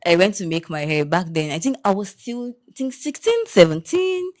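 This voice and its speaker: A young Nigerian woman co-hosting a podcast, telling personal stories in an animated way and slipping into pidgin. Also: mid-range voice, normal speed. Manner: animated storytelling, mixes in pidgin. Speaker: podcast co-host. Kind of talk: casual chat.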